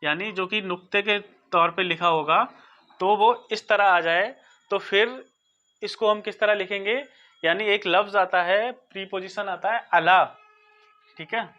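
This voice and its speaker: A teacher giving a recorded lesson, explaining slowly and patiently, sounding out word forms and often checking that listeners follow. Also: mid-range voice, bright, forceful tone. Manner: patient, repeats and checks understanding. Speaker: Arabic grammar teacher. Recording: dull lo-fi recording.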